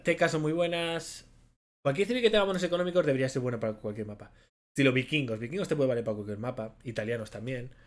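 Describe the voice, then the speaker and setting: A man's voice: medium pitch, slight background noise. Chatty Spanish man streaming a game. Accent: Spain Spanish. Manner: chatty, slangy, talks to viewers while playing. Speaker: streamer playing a ranked strategy game. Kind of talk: casual live gameplay commentary.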